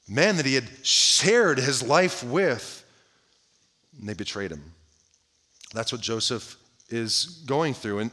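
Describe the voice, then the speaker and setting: Bright-voiced man preaching a sermon. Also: fairly high pitch. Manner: asks the listeners many direct questions; drops to a hushed voice at the ends of phrases. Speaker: pastor.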